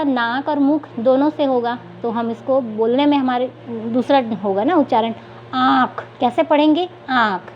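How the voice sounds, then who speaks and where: A woman with a high voice teaches young children to read, putting a question to them and then answering it herself. She draws words out slowly when she reads them aloud. The recording sounds dull and lo-fi, with a faint hiss behind her. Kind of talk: Hindi reading lesson for young children.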